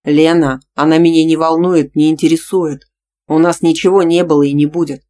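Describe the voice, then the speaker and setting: A woman's voice: low voice, flat delivery, normal speed, darkish tone, lightly acted. A woman voicing a stern, possessive young man who demands answers.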